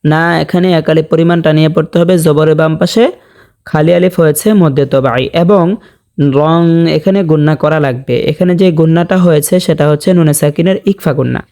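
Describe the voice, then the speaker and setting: A man teaching correct Quran recitation, explaining each rule plainly and then reciting the words slowly and drawn out. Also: fairly high pitch, fairly even intonation, mellow. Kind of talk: slow step-by-step tajweed lesson with recited examples.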